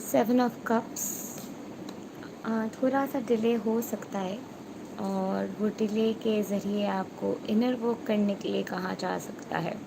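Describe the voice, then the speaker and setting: A tarot reader and spiritual coach whose first language is Bengali gives a card reading to an online audience in a gravelly, fry-heavy voice of middling pitch. She draws out her phrases slowly with frequent pauses, then shifts into rapid bursts. A clear, steady hiss runs beneath the recording.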